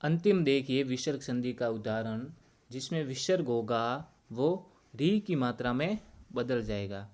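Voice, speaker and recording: Male teacher explaining grammar at a measured, slow pace, deliberate and repetitive. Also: mid-range voice, lively intonation, darkish tone. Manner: slow and deliberate, repeating key points.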